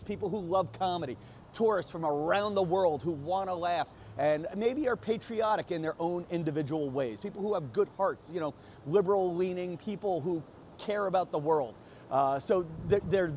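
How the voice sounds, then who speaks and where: Comedian guy chatting to his phone, jokey, voice a bit high, slight street noise behind. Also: a little mellow. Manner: joking, conversational. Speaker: comedian and show host. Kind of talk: casual vlog monologue. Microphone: small remote microphone with a phone.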